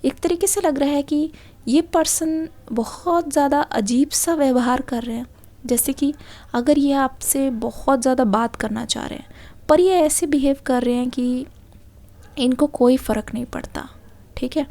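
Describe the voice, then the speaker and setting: A woman gives a tarot reading to her viewers. Her voice sits high but sounds mellow and warm. She explains patiently and keeps dropping in a reassuring filler as she goes. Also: unhurried. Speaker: tarot reader.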